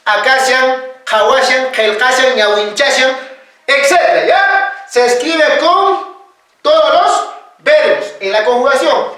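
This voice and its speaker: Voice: high voice, a bit bright, heavy reverb, recorded from a distance. A teacher giving a patient alphabet lesson, reading the letters one by one and checking that students are following. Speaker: Quechua teacher. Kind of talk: classroom-style alphabet lesson.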